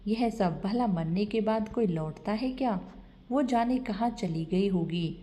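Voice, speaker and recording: A woman's voice: medium pitch, unhurried, dark tone, close to an everyday voice. A woman voicing a scheming middle-aged mother who scolds and sounds indignant, in a storybook reading. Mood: reassuring.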